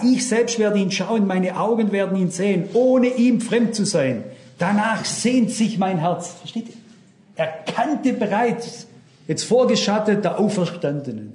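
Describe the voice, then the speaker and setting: A man's voice: high-pitched, a little mellow, reverberant. An older man preaching a sermon, fervent and speaking straight to his congregation with questions.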